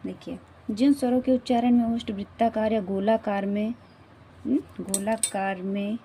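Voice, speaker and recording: A woman's voice: medium pitch, fairly even intonation, moderate pace, warm tone, slight background noise. A woman teaching a grammar lesson, repeating herself and often checking that the class follows. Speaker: Hindi teacher.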